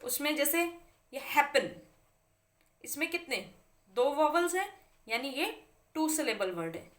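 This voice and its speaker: A woman's voice: high voice, sing-song, measured pace, fairly bright tone. A woman teaching English spelling rules in Hindi, stressing example words and asking and answering her own questions.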